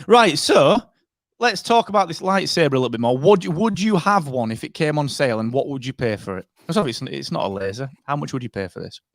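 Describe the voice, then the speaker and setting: A man's voice: fairly high pitch, quick pace, dry recording, studio quality. A man co-hosting a podcast, chatting casually and joking with lots of fillers. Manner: animated, joking banter with frequent fillers. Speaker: podcast co-host. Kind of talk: casual chat.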